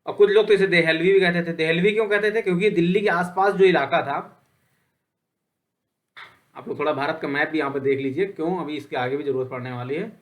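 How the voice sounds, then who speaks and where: Male lecturer, slightly high voice, chatty explainer who quizzes and answers himself. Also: fairly quick. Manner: conversational, repeats points with "ठीक है"; poses questions then answers them. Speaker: teacher. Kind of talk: online lecture.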